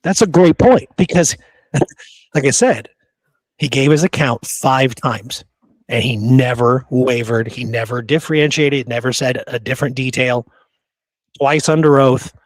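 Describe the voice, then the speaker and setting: A man hosts a podcast, talking through history in an informal, conversational way. He speaks at a measured pace in a medium-pitched voice, and the recording is dry.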